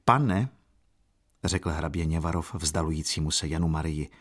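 A man with a very low voice narrates a literary audiobook. He tells the story in a steady, formal way. The delivery is even and unhurried.

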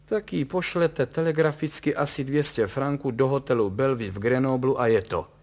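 A man's voice: mid-range voice, darkish tone, voice pushed up, natural voice. Man doing a grumbling nervous little code-breaker. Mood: brusque. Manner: grumbling, brusque.

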